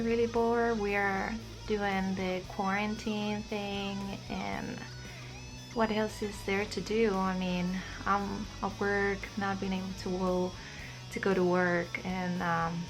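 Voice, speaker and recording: A young Spanish vlogger with a Spanish accent chats to camera in a shy, hesitant way, using many fillers. Her voice is medium-pitched, and the audio is poor.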